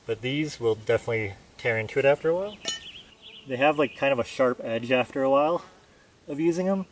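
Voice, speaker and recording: A man of medium pitch, speaking a little fast, reasons aloud while testing camping hammers for a casual review. He is outdoors on open dirt among pines, and his plain, matter-of-fact talk reaches a distant camera mic along with faint noise.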